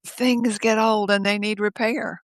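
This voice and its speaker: An older woman speaking as a guest over a video call from her home office, telling stories in a lively way, laughing often and acting out the voices of others. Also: medium pitch, measured pace, no echo. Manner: lively, laughs often, acts out quoted speech. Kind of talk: casual conversational storytelling.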